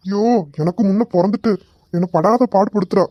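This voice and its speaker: A woman's voice: mid-range voice, a little fast, dry recording, natural voice. Woman playing a cheeky whiny young man. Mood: complaining. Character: cheeky young man, cocky with his elder cousin. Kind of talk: comedy sketch acting. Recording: dull, dry lo-fi recording.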